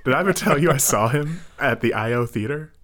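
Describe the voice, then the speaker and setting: A man who is a pastor, co-hosting a podcast in relaxed chat, easygoing and quick to laugh at himself. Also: mid-range voice. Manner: easygoing, laughs often, self-deprecating. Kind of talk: casual chat.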